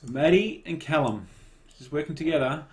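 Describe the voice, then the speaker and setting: A man giving relaxed, casual live commentary on a cycling race and cheering riders on by name. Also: a little high, a little fast.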